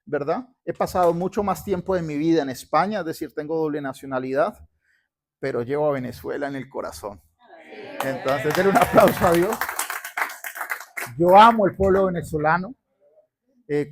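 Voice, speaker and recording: A man from Colombia, a pastor preaching fervently in church and calling on the congregation to repeat after him. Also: fairly high pitch. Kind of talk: sermon with church announcements. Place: church sanctuary.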